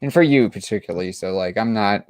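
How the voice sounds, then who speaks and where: A man's voice: lowish voice, fast talker, darkish tone, no room sound, studio quality. A man co-hosting a comic book chat show, talking casually and enthusiastically with lots of restarts and fillers.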